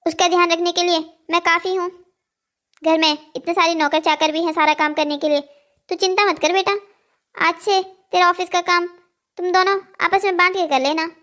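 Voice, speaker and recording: A shrewd older mother-in-law from a cartoon family drama, voiced by a woman. She talks in a very high, soothing voice that hides a teasing bite. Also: steady tone, moderate pace, pushed and bright. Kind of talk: Hindi cartoon voice acting.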